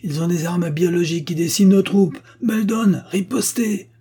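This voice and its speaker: A man's voice: medium pitch, moderate pace, darkish tone, slightly rough. A man voicing a bombastic English commander who shrieks orders through a megaphone in a panic. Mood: hysterical.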